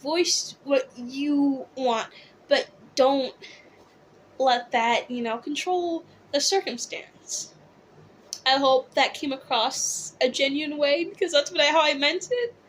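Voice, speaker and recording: A drag queen host chatting casually to viewers about opinions and comments, rambling conversationally with theatrical, drawn-out emphasis. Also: high-pitched, fairly bright tone, a little hiss or hum.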